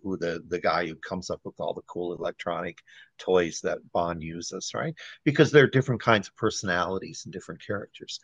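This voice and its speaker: A man from Wisconsin, a guest editor and author, explaining writing craft in a relaxed conversational interview and often checking in with "right?". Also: sits low, no echo. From Wisconsin, USA.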